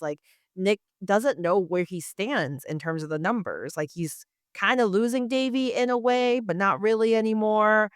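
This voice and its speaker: A woman's voice: lowish voice, no echo, clean studio sound. A woman co-hosting a podcast, chatting animatedly and acting out quotes as she talks. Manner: animated, acts out quoted lines. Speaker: podcast co-host. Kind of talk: casual recap chat.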